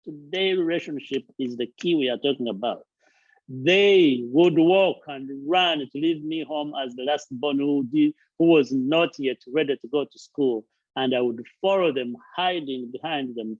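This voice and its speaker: His pitch is medium and his speed normal, but the recording is muffled, with no room sound. A Ugandan man who founded a charity and hosts a channel, he gives an earnest motivational talk indoors at a friend's house, repeating and listing words for emphasis.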